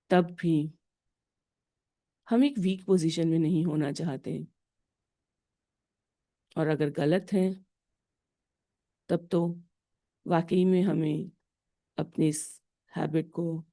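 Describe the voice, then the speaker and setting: A woman with an Indian accent guides a meditation in a deep, warm voice. She speaks deliberately and instructionally, pausing between short phrases.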